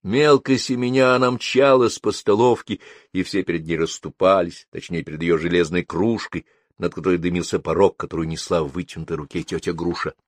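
A man reads a first-person story aloud as an audiobook, in a measured storytelling manner. His voice sits fairly low. The recording is dry and close, with no room sound. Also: fairly even intonation, dry recording. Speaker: narrator. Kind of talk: audiobook narration.

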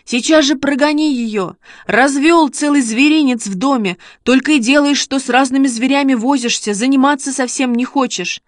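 A woman voicing an angry mother who shouts and scolds her son. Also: high-pitched, moderate pace, few pauses, dry recording, studio quality, pitched above the performer's own voice, close to an everyday voice.

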